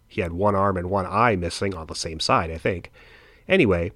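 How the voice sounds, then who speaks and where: A man's voice: lowish voice, fairly bright tone, no echo, clean studio sound. A man narrating a history podcast in a casual, conversational way with wry asides.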